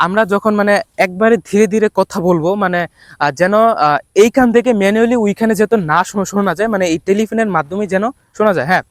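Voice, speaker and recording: Fast-talking young man vlogging outdoors. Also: sits high, dry recording, clean studio sound. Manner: talkative, fillers and restarts, shouts to a distant teammate. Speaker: YouTube vlogger. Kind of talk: casual outdoor vlog. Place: outdoors in open ground.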